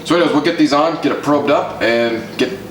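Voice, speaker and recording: A man hosting a cooking vlog, explaining each step of a grill cook in a relaxed, casual way. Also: fairly high pitch, fairly quick, far from the mic, noisy background. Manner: relaxed, explains steps as he goes. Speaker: grill cook and channel host. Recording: roomy sound with faint guitar music.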